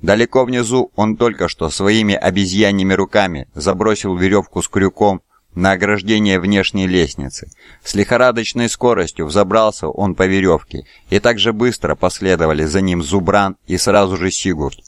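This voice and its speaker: A man narrates an audiobook in a steady, measured way. His voice sits very low. The recording is dry and close, with no room sound. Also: no echo. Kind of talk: scripted narration.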